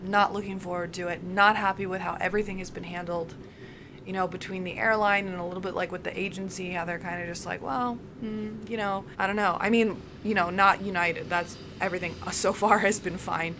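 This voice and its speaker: A young adult woman vlogger with a hoarse smoker's rasp, as if her voice is giving out, chatting casually and rambling to the camera. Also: fairly low pitch, flat delivery, a little fast, background noise. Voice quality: raspy smoker's rasp, voice wearing out. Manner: rambling, acts out reported exchanges. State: hoarse, close to losing voice.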